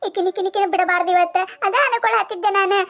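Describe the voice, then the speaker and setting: A woman voicing a loud, angry village woman with a North Karnataka accent, hurling insults in a cartoon comedy. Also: extremely high pitch, fairly even intonation, fast. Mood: furious. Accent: North Karnataka Kannada. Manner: shouting insults, scolding. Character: furious loud village woman, quick to accuse.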